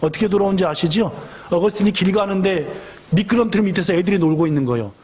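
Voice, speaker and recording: A middle-aged male pastor preaching a sermon in a church, telling a story with lively storytelling and acting out the voices of the people in it. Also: sits high, fast talker. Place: church sanctuary.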